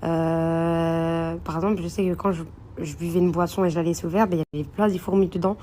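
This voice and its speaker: A woman's voice: on the low side, fairly even intonation, fairly quick, warm tone, a little hiss or hum. Chatty young woman vlogging. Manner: chatty, rambling, addresses viewers as princesses and girls. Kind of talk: casual phone vlog to followers. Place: hotel room.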